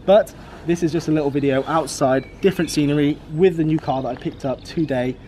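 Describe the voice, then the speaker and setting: A man's voice: a little high, brisk, mellow, slight background noise. A British man in his twenties gives an upbeat, casual motivational vlog outdoors, repeating his key numbers. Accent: British English. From United Kingdom. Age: 20s. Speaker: vlogger. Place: outdoors beside a car.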